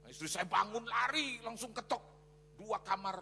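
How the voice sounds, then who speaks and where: A man preaching a sermon as a pastor, telling a story in an animated way, acting out quotes and mixing in English phrases. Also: high voice, moderate pace, vocal fry, slightly rough, soft background music. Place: large church hall. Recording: reverberant church hall with faint noise.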